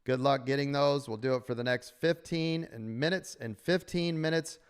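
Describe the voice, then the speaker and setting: Speaking smoothly at a moderate pace, this man coaches stock traders over a live stream, hosting a chat with members in a cheerful sales-pitch style. He's losing his voice and sits in a bright, window-lined room.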